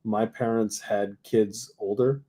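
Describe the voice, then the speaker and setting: A man in his thirties co-hosts a sports podcast in a fairly low, dark, steady voice at a slow pace. His casual talk is hesitant and packed with fillers, with laughing asides.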